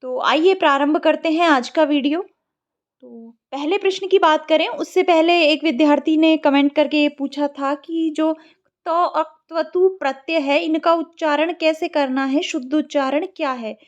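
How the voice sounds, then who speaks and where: High-voiced woman teaching Sanskrit. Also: muffled recording. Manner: patient, repeats words slowly to model pronunciation. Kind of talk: exam-prep lesson.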